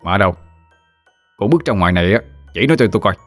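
A man's voice: on the low side, expressive, fast talker, dry recording, faint music behind. A man voicing a cold, irritable husband who snaps and scoffs in a ghost story. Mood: irritated. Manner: snapping, scornful.

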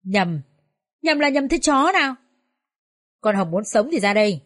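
A woman voicing a furious older village woman who shouts and curses shrilly. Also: medium pitch, expressive, moderate pace, slightly rough, no echo, clean studio sound.

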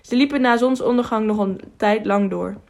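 A woman reading an audiobook aloud, telling the story in a steady, measured way. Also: fairly high pitch. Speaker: audiobook narrator. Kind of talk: scripted narration.

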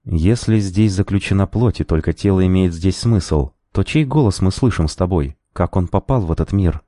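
A male narrator voicing a proud, wounded warrior who speaks slowly in a strained, earnest way. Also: sits low, mellow, no room sound, studio quality, lightly acted. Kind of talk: audiobook character voice.

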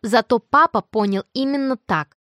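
A woman reads a first-person audiobook with lively, emotive delivery. Her voice sits in a middle register and the recording is dry and close, with no room around it. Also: on the high side, normal speed, no room sound. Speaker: audiobook narrator.

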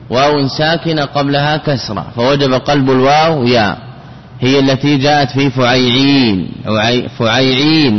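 A man gives a classical Arabic grammar lesson, drilling patterns by repeating words and stretching them out syllable by syllable. His voice carries a long reverb, as if in a large hall. The recording is dull and lo-fi with a faint background hiss. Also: mid-range voice.

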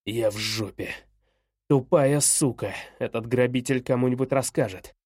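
A man's voice: medium pitch, normal speed, dry recording, pitched below the performer's own voice, close to an everyday voice. A man voicing a harsh, angry father who barks curt orders in an audiobook. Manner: barking, curt.

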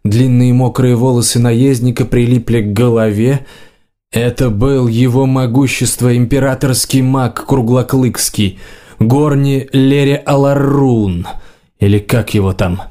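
Mellow-voiced man narrating a fantasy audiobook. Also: mid-range voice. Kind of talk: scripted narration.

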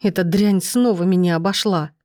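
A scheming, envious young woman, as a woman reader puts her on in a storybook, spiteful and whining. Her voice is pitched up a little above the narration and rises sharply when she is angry. The recording is close and dry. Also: fairly even intonation, normal speed, mellow, no room sound, close to an everyday voice. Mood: bitter whining.

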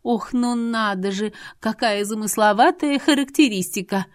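A woman's voice: mid-range voice, moderate pace, no room sound, clean studio sound, voice pushed up, natural voice. A woman playing a haughty, mocking scheming woman. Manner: mocking, hissing, sharp. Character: haughty scheming woman, jealous and sharp-tongued.

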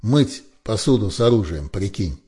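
A hot-tempered young soldier complains in a heated, raised voice, as a male narrator puts him on. The voice stays husky and fairly low underneath. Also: lively intonation, normal speed, mellow. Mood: indignant. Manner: indignant, heated.

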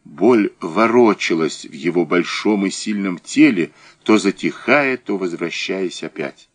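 A man narrating a crime novel audiobook in a measured, dramatic way. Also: deep voice, lively intonation.

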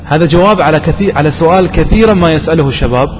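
A man teaching a grammar lesson, quizzing his students and slowing down to stress key terms. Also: fairly high pitch. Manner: asks students questions and answers them himself. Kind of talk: classroom lesson. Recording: distant voice with long reverb and faint noise.

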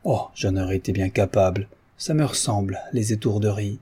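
A man's voice: lowish voice, moderate pace, warm tone, slightly rough. A man voicing a playful, chatty young woman. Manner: teasing, flighty chatter.

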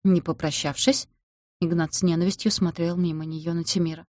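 A woman narrating a story in a steady audiobook reading. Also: on the low side, quick pace, no room sound, clean studio sound.

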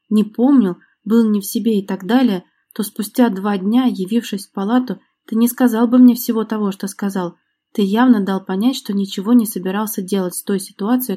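Woman reading a hurt, angry young actress in an audiobook, cutting and reproachful, warm dark tone. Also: medium pitch, close to an everyday voice.

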